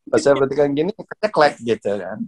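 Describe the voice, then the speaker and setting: A middle-aged man from Indonesia, a badminton coach, telling stories in a relaxed interview, laughing often and repeating words as he searches for them. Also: mid-range voice, a little slow. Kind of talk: casual interview storytelling.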